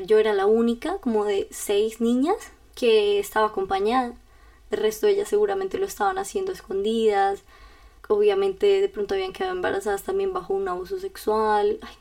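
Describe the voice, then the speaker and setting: A woman's voice: mid-range voice, gravelly, a little mellow, recorded from a distance. A young woman with a Colombian accent telling a personal story in a casual, confiding way, talking straight to the listener. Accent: Colombian Spanish. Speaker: vlogger.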